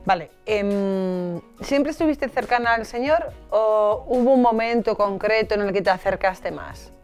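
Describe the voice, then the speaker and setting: A woman hosts a television interview in a friendly, casual way. Her voice sits in a middle pitch. Soft music plays faintly behind her. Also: a little slow. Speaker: host.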